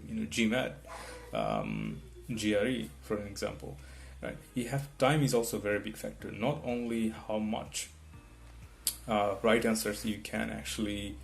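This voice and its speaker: A man who isn't a native English speaker gives casual, rambling test-prep advice to camera, often restarting and checking in with "right?". His lowish, creaky voice sounds animated at a moderate pace. Guitar music plays in the background.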